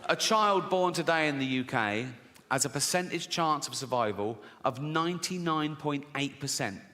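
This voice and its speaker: A man's voice: a little high, sharp tone. A man performing a stand-up comedy routine, provocative, sardonic and profane.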